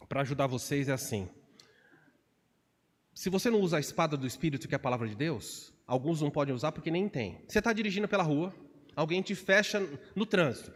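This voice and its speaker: Brazilian pastor preaching in a reverberant church. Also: male voice, fairly high pitch. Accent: Brazilian Portuguese. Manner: animated, acts out quotes with shifts of voice. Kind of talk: expository sermon. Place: church sanctuary. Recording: long reverb of a church hall.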